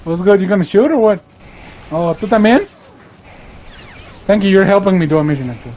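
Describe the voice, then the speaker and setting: Excitable man yelling over games. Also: high-pitched, brisk, muffled recording, slight background noise. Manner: loud, excitable, swears a lot, switches between English and Spanish. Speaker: gaming streamer. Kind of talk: casual gaming banter.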